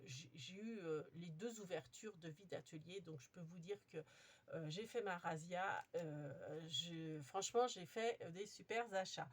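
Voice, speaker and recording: A woman's voice: lowish voice, a little slow. A woman chatting casually as she shows off her craft haul, talking with lots of fillers and restarts. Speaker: crafting vlogger. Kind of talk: casual show-and-tell haul.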